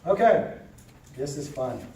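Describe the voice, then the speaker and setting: A man leads a classroom lesson for real estate agents, with a fairly high voice. He talks casually and keeps checking that the room is following. The sound is heavily echoey and picked up from far off, with a faint hiss. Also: expressive, takes it slowly, warm tone. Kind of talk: classroom lesson with role-play.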